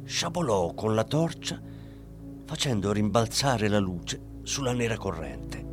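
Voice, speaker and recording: A man reading a crime story aloud in measured, expressive scripted narration. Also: lowish voice. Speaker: audiobook narrator. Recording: faint background music.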